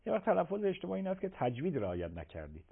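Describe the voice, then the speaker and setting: A man, a religious scholar answering viewers' questions on a live call-in program, emphatic and swinging between loud and soft. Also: high-pitched, wildly swooping pitch, creaky, breathy edge. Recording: tinny phone-like broadcast audio.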